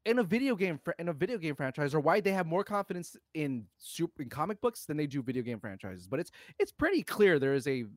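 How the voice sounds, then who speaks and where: Talking fast with few pauses, this man co-hosts a casual film podcast, airing opinionated takes with emphatic exasperation and plenty of swearing. His voice is fairly high and very animated, recorded with no echo.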